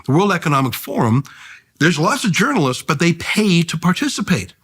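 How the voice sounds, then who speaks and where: A man's voice: a little high, big pitch swings, brisk, fairly bright tone, husky. A middle-aged man, a journalist and podcast guest, arguing his points punchily and counting them off one by one. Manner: punchy, argumentative, enumerates points. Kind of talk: podcast conversation.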